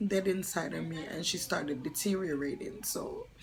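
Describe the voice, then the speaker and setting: A young woman telling a personal story on her vlog, soft and halting, often slipping into a whisper, earnest and tearful. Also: low-pitched, gravelly, crowd noise, poor audio. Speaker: vlogger.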